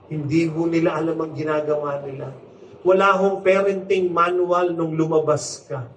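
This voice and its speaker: A man in his forties gives a stage talk. His voice is fairly high and his delivery playful, with acted-out quotes before he turns earnest. He is heard a little off the mic in a roomy, echoing hall, with faint noise behind. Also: fairly even intonation, moderate pace, recorded from a distance. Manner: playful, acts out quotes, shifts from jokes to earnest. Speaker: motivational speaker and author. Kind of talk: inspirational stage talk with humor. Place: large hall before a live audience.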